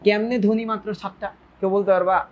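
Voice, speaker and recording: A man's voice: high-pitched, fairly even intonation, quick pace, muffled recording. Man teaching grammar. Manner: repeats phrases, asks students questions; mixes English words into talk. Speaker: Bengali grammar tutor. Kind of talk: online lecture.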